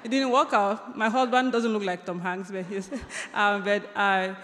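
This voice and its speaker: A woman's voice: medium pitch, steady tone, measured pace, fairly bright tone, a little hiss or hum. A young woman, an author telling a personal story on stage, with light humor and many ums and restarts. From Cameroon. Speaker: author giving a talk. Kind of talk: storytelling lecture. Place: large lecture hall. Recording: long reverb of a large hall.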